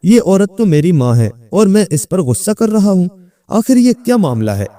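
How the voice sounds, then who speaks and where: A man's voice: high voice, sing-song, normal speed, mellow, no room sound, pitched above the performer's own voice. A man voicing a hot-tempered young man who believes he is the caliph and barks angry commands. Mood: confused.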